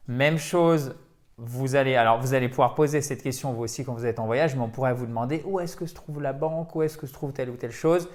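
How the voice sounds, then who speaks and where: A man's voice: mid-range voice, fast. A man teaching English pronunciation in a video lesson, explaining in French and repeating example words with the stress marked.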